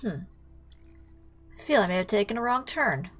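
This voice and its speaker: A woman's voice: mid-range voice, lively intonation, normal speed, soft background music. A woman giving casual let's play commentary, with wry, playful banter at the game's characters. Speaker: video game player commentating.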